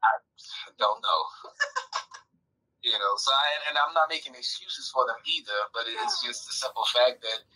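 A man's voice: mid-range voice, moderate pace, long pauses, sharp tone, poor audio. A man, a podcast guest chatting casually in a thoughtful, stop-start way. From Southern United States. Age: 30s. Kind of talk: casual chat.

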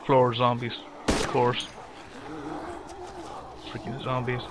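A man's voice: medium pitch, completely flat delivery, slow, background noise. A man muttering terse commentary and curses at enemies while playing a game. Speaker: gamer. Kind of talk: gameplay commentary. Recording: loud gunfire behind the voice.

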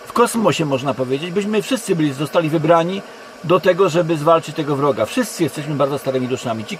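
A Polish man giving a rambling monologue to camera from inside a car, speaking haltingly and often correcting himself. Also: fairly high pitch. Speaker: online video creator. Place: inside a parked car in a forest. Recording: constant background noise in a car. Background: steady background hum.

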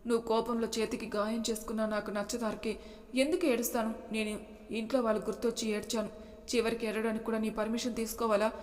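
A woman's voice: fairly high pitch, little pitch movement, fast, echoey room, big-room sound, natural voice. A woman voicing a tearful, hurt young wife who pleads emotionally, in a storybook reading. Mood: pleading.

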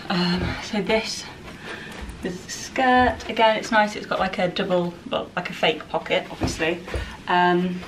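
A woman's voice: lowish voice, unhurried. A young woman chatting casually through a clothing try-on haul at home, rambling with lots of "like" and "um". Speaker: fashion vlogger. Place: home, indoors. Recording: distant camera mic with steady background noise.

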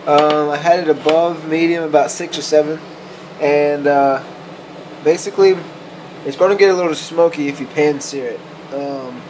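A young man vlogging in his home kitchen, explaining his cooking step by step in a relaxed, matter-of-fact way with plenty of fillers. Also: a little high, normal speed, background noise. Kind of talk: casual cooking vlog. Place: home kitchen indoors, then a car. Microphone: handheld camera close, at times set down.

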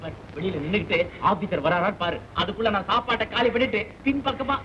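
A man's voice: high-pitched, lively intonation, quick pace, background noise. An actor playing a sly, greedy man who mocks and orders others about, in a dull old film recording. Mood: mocking. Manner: mocking, bossy. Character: sly greedy man stealing food, cheeky. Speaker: officer posing as a postman. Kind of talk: 1950s film comedy acting.

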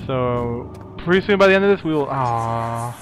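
A man's voice: medium pitch, expressive, normal speed, a little hiss or hum. A young man giving casual let's play commentary, rambling and apologetic, yelping when scared.

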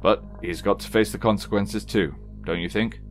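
A male narrator voicing a stern former soldier turned father, who bellows orders at his boys in a deep, low voice. He is strict but playful, with a drill-sergeant bark. Faint music runs underneath. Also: normal speed, lightly acted. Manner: booming, commanding.

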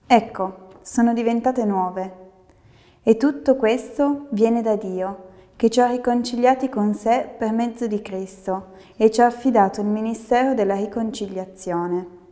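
A woman's voice: fairly high pitch, unhurried, dark tone, big-room sound. A young woman reads a Bible passage steadily and carefully, in a room lined with bookshelves. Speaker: scripture reader. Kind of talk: Bible reading.

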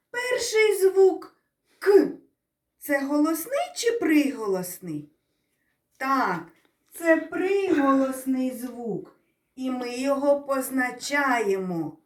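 A kindergarten teacher speaks to small children in a high, sing-song voice that climbs and dips a great deal. She draws every word out very slowly. The sound is echoey and a little distant from the mic. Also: sing-song. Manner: drawn-out, sing-song explaining, asking the children questions. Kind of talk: slow, clear teaching to young children.

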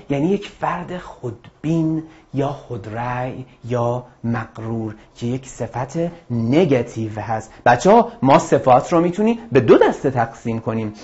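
A man teaching an English lesson to students, explaining patiently and addressing them directly. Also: mid-range voice. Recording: dull lo-fi audio.

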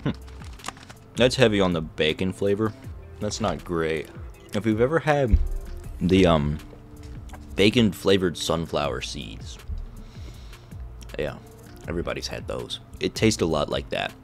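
Deep-voiced man doing joking taste tests. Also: lively intonation, measured pace, pauses often, faint music behind. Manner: joking, exaggerated disgusted reactions. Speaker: vlogger reviewing snacks. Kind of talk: casual taste-test chat.

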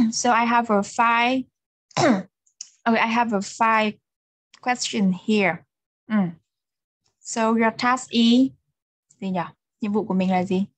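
In an online English lesson, a young Vietnamese woman patiently drills vocabulary for learners to echo, alternating between Vietnamese, her native language, and English. She speaks slowly and steadily in a high-leaning voice with long pauses, and there's no room sound.

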